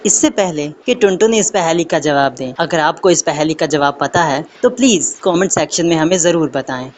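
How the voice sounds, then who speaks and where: Low-voiced woman narrating a cartoon. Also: a little hiss or hum. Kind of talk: storybook narration.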